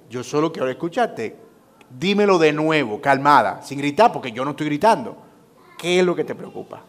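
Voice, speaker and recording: A male pastor teaching a Sunday school class in a conversational way, using emphatic repetition and acting out short dialogues. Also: medium pitch.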